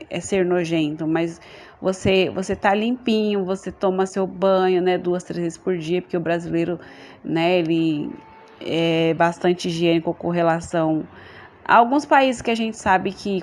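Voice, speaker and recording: A woman's voice: on the low side, darkish tone. A woman from Brazil with a Brazilian Portuguese accent, giving an earnest religious testimony to her congregation and often checking in with her listeners. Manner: earnest, addresses listeners as brothers, frequent tag questions. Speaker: church member giving testimony.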